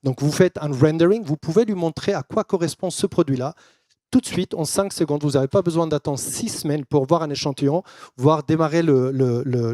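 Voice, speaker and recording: A man with a foreign accent in his French, a non-native speaker presenting to a business audience. His voice is slightly high and mellow, with a dry, close sound. He mixes English jargon into his loosely built sentences. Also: dry recording. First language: not French. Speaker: conference speaker.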